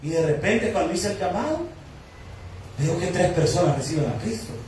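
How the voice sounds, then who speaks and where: A man's voice: high-pitched, lively intonation, normal speed, a little mellow, a little hiss or hum. A man, preaching a sermon and telling a personal story, acting out the dialogue with voices. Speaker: pastor. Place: church hall. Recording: echoey hall, distant from mic.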